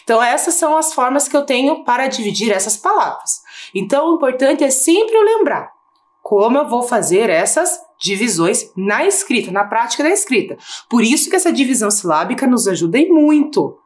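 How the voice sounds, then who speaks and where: A woman teacher with a Brazilian Portuguese accent giving a recorded lesson for schoolchildren, asking questions and slowing down to spell out syllables. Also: fairly high pitch, sing-song. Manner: patient, rising question-and-answer tone, slows to spell out syllables.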